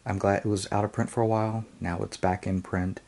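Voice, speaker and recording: A man's voice: lowish voice, level tone, fairly quick, gravelly, darkish tone. A man casually reviewing and unboxing a tarot deck, hesitant, with frequent ums and restarts.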